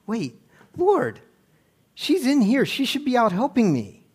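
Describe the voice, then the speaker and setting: A woman's voice: fairly high pitch, wildly swooping pitch, takes it slowly, a little mellow, breathy edge, pitched above the performer's own voice, full character voice. A man voicing a fussy, busy woman hosting guests, in a slightly raised voice. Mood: indignant.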